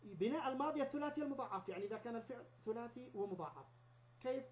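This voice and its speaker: A man's voice: very high-pitched, expressive, very noisy. Man giving a dull lo-fi recorded lecture. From Yemen. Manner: explains step by step, repeats example words slowly. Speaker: university lecturer. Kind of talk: university lecture.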